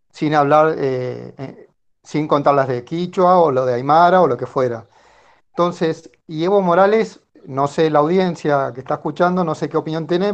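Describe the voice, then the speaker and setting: A man from Tucumán with an Argentine accent, calling in by phone and giving a reflective, halting comment. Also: a little high. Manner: hesitant, halting with restarts, reflective. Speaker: caller. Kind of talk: casual call-in comment.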